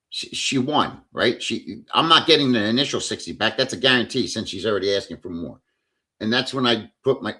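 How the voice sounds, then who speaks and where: With a mid-range, sharp-toned voice, a middle-aged man hosts a laid-back livestream. He rambles bluntly, reads out comments from viewers and curses freely.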